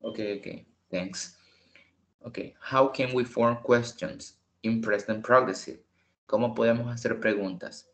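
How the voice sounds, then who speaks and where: Slow bilingual male English tutor. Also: medium pitch, steady tone. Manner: slow, explains in English then repeats in Spanish. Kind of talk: bilingual online lesson.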